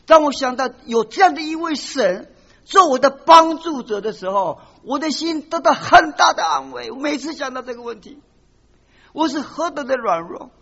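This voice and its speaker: A man preaching a sermon with animated delivery, acting out short quoted voices and slipping in English words. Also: very high-pitched, big-room sound. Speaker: pastor. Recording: dull lo-fi recording.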